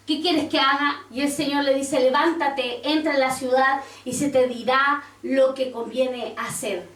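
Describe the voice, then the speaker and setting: A woman's voice: high-pitched, fairly bright tone. A woman pastor preaching a sermon, quoting scripture and asking the congregation questions. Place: church. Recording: roomy church sound from a distance.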